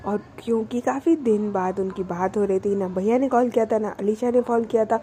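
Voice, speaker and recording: A woman's voice: mid-range voice, moderate pace, warm tone, a little hiss or hum. A woman narrating a love story in a chatty, casual way with conversational asides.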